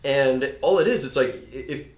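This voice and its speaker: A man's voice: mid-range voice, normal speed. A slightly drunk man hosting a casual podcast chat in a slangy, loose way. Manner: slangy, sweary. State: a little drunk. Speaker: podcast host. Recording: roomy, echoey space.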